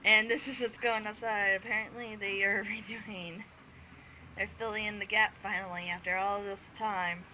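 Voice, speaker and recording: A woman's voice: mid-range voice, flat delivery, normal speed, bright, forceful tone, low-quality recording. A woman vlogging casually in her apartment, venting bluntly and swearing freely while a little out of breath. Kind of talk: casual vlog chat. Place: hot apartment room with open windows. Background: construction noise and outdoor ambience.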